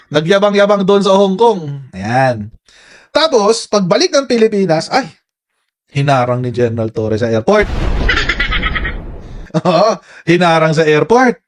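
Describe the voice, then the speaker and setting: Lively animated Filipino man vlogging. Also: high voice, a little slow, pauses often. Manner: animated, laughing, addresses viewers as "mga kababayan"; reads viewer comments aloud. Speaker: political commentary vlogger. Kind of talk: casual live commentary.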